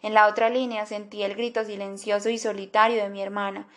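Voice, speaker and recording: A woman reads an audiobook in a somber, measured way. Her pitch stays flat and narrow throughout. The voice sits in an ordinary middle register. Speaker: audiobook narrator. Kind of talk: audiobook narration.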